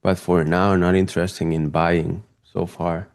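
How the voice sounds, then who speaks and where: A young Spanish man with a Spanish accent chats casually and excitedly, commenting on live trades for the viewers of his stream. His voice is low with some vocal fry, and he speaks a little slowly.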